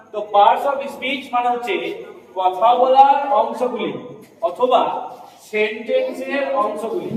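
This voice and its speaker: Male teacher, high voice, captured far from the mic in a very echoey classroom, keeps quizzing students. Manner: keeps checking understanding with quick questions. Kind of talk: classroom grammar lesson.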